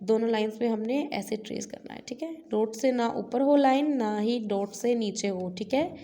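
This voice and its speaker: A woman's voice: fairly high pitch, warm tone. A woman nursery teacher with a Pakistani Urdu accent, patiently drilling letter sounds in a recorded class. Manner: patient, drills letters slowly and repeats "theek hai". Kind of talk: recorded online class lesson.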